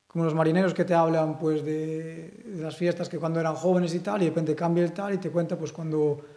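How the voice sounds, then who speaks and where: A young man with a Galician accent speaks in a fairly high voice, rambling through a relaxed interview with plenty of filler words. The room is echoey. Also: fairly quick. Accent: Galician Spanish. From Galicia, Spain. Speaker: interviewee, sculptor. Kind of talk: casual interview.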